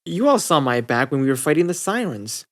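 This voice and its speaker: A man's voice: a little high, sing-song, brisk. Man as guarded, understated teenage girl Sunset. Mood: uneasy. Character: guarded, easygoing teenage girl, friendly but self-conscious.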